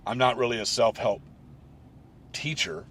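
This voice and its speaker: Alone on his own podcast, a man in his late forties reflects aloud, rambling with many restarts and fillers. His mid-range voice is fairly bright and measured in pace, with a little hiss or hum in the recording.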